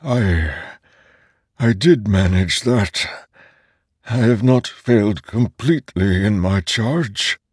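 A man performs an ancient, weary storm spirit from an audiobook fantasy, his voice a rumbling low growl. He speaks slowly and gravely, with great weight behind every phrase. The recording is dry and close. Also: animated, no room sound, exaggerated voice. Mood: wistful. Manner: slow, solemn and heavy.

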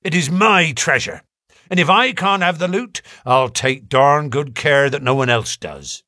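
A man's voice: a little high, expressive, a little slow, sharp tone, dry recording, studio quality, pitched above the performer's own voice. Man doing a snarling bitter convict. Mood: defiant. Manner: snarling, impassioned. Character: bitter defiant male convict, middle-aged.

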